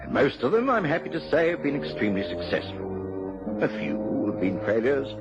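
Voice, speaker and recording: An actor playing a genial, earnest doctor who narrates a radio drama in a gentlemanly storytelling manner. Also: male voice, medium pitch, sing-song, normal speed, natural voice. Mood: reminiscing. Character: genial, earnest doctor chronicling his detective friend's cases. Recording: dull lo-fi radio recording. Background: music.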